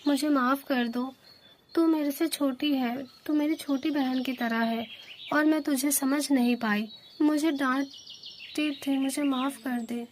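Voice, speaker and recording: A woman's voice: high voice, steady tone, slow, slight background noise. A woman voicing a quarrelsome female sparrow, the elder daughter-in-law in a cartoon. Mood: tearful. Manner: argumentative.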